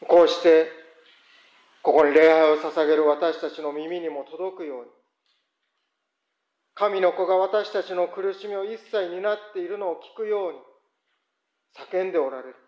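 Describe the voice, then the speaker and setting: High-voiced man preaching in an echoey church. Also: fairly even intonation, unhurried, long pauses, a little mellow, muffled recording. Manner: earnest, reflective preaching. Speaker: pastor. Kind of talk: prayer and sermon.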